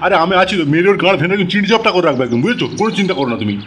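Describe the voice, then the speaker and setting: A man's voice: sits high, sing-song, racing, a bit bright, slight background noise. A man playing a brash, pushy middle-aged man in a comic audio drama, hot-tempered and full of threats. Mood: blustering. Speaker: the daughter-in-law's father, a co-in-law.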